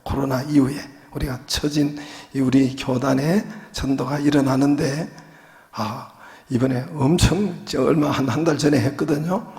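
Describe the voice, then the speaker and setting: A man's voice: medium pitch, fairly even intonation, moderate pace, a little mellow. A male pastor preaching a sermon in a chatty, joking way, full of small fillers. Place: church sanctuary. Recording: long reverb of a church hall.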